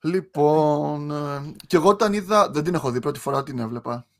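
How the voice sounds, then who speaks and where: A young man co-hosting a podcast in casual chat, relaxed, laughing often and trailing off mid-sentence. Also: on the high side, creaky. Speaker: podcast co-host.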